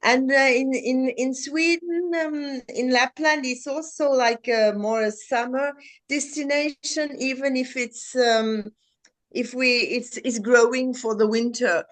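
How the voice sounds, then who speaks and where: A middle-aged woman from Finland giving a halting webinar presentation over a video call, with many fillers and restarts. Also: high voice, fairly even intonation. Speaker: market expert panelist.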